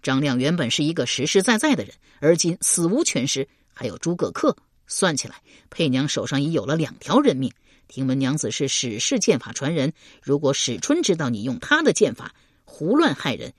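A woman's voice: low voice, big pitch swings, a little fast, slightly rough, no room sound, clean studio sound, heavily acted. A woman voicing a naive, bookish male scholar who accuses earnestly in an audiobook. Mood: accusing.

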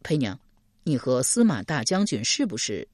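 Woman doing a gentle, deferential young man. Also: extremely low pitch, very animated, fairly quick, no echo, studio quality, pitched below the performer's own voice, exaggerated voice. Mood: gentle, earnest. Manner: soft and polite.

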